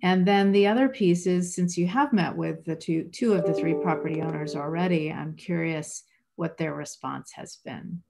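A woman's voice: on the low side, normal speed, vocal fry, warm tone, soft background music. A woman city council member asking questions in a meeting over a video call, hesitant, with many fillers.

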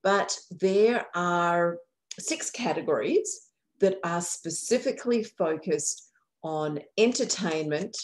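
Speaking slowly and expressively in a fairly low voice, a woman from a county aging services office guides viewers through a website she's sharing on screen. Her manner is warm and explanatory, and she sometimes corrects herself. The audio comes from a computer microphone on a video call.

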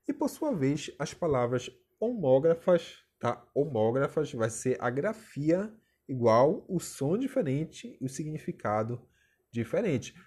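A man's voice: a little high, very animated, a little slow, darkish tone, slightly rough. A young man teaching a recorded video lesson, chatty and full of rhetorical questions and tag questions.

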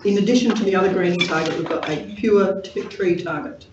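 A high-pitched man speaks haltingly in a committee meeting, full of ums as he works through his points. He is picked up from a distance in an echoey chamber. The sound is dull, with steady noise behind it. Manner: hesitant, halting, with many fillers. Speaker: deputy lord mayor at a council committee meeting. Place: council chamber.

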